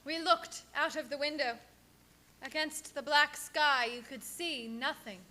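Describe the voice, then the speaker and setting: A woman's voice: high-pitched, a little slow, bright, forceful tone. An actress playing a haunted young wife in a radio play, telling her story with dramatic suspense. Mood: alarmed. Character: haunted, entranced young wife writing a journal. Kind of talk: live radio play acting.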